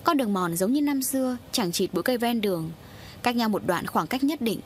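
A woman's voice: fairly high pitch, expressive, brisk, a little hiss or hum. Woman narrating a grave horror story. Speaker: audiobook narrator.

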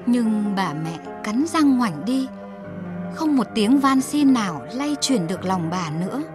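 A woman's voice: fairly high pitch, very animated, unhurried, over music. A woman narrating a folk tale for children, speaking expressively and addressing the little listeners. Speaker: storyteller for children.

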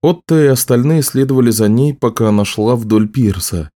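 A man narrating a fantasy audiobook in an even, measured way. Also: medium pitch. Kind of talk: scripted narration.

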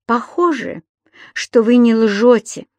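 A woman voicing a stern middle-aged landlady who scolds with shrill outbursts. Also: expressive, measured pace, no room sound. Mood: thoughtful.

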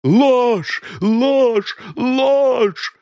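Man doing a shrill furious older lady. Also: drawn-out words, warm tone, dry recording, exaggerated voice. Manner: shrieking, indignant outbursts. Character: furious middle-aged woman, shrill and defiant.

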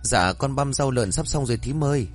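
A man's voice: medium pitch, lively intonation, a little fast, faint music behind, pitched above the performer's own voice, lightly acted. A man voicing a timid, polite twelve-year-old orphan girl who answers meekly. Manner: meek, polite, stammering.

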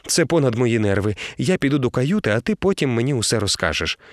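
A man's voice: mid-range voice, big pitch swings, fast talker, no echo, lightly acted. A man voicing a dainty, bored lady passenger who talks in a weary, languid way in an audiobook.

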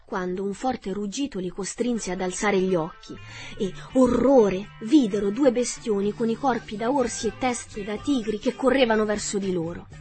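A woman narrating a children's storybook aloud in an expressive, dramatic way. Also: mid-range voice, normal speed, hardly any pauses, soft background music. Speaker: audiobook narrator.

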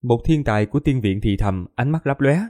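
Mellow-voiced male audiobook narrator. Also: mid-range voice, brisk. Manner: steady storytelling.

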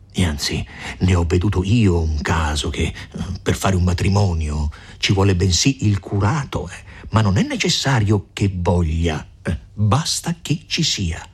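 A man's voice: low-pitched, breathy edge, heavily acted. A man reading an audiobook, voicing a shrewd older peasant mother who scolds and insists. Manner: lively, insistent, raised voice.

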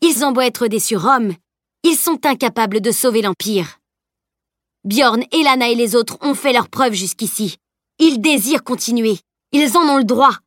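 A woman's voice: on the high side, lively intonation, normal speed, fairly bright tone, dry recording, studio quality, voice pushed up. A woman voicing a fierce teenage heroine who speaks in a heated, cutting way. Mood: defiant, furious. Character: fierce teenage girl heroine, defiant and angry.

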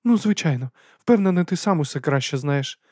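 A man's voice: a little high, expressive, fairly quick, darkish tone, no room sound, studio quality, pitched above the performer's own voice. A man putting on a hearty, fussy aristocratic lady. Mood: flustered, polite. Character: hearty, fussy upper-class aristocratic lady, middle-aged. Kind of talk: audiobook character voice.

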